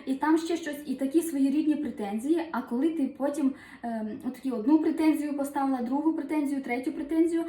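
A chatty Ukrainian woman gives a motivational talk to her viewers, high in pitch and mellow in tone. She fills her speech with asides and little acted-out moments. The sound carries a roomy echo. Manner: chatty, lively, many fillers and acted-out asides. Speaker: numerologist and self-help vlogger. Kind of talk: casual motivational monologue.

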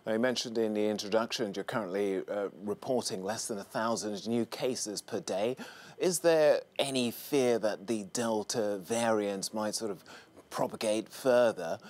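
A man presenting the news from a large newsroom studio, asking a remote guest formal, steady questions. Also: lowish voice, moderate pace.

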